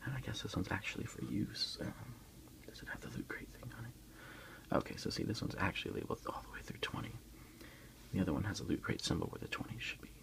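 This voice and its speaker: Recorded on a phone, this man hosts an easygoing ASMR unboxing in a breathy, soft whisper, unhurried and slightly hesitant. His voice sits low but swings widely in pitch.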